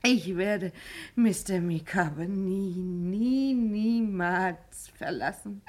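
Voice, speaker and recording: Dramatic middle-aged wife, giddy and weepy, unhurried delivery, radio play. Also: female voice, mid-range voice. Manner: theatrical, repeats herself, giggles and sobs. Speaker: Mrs Micawber. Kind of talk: 1950s radio play acting.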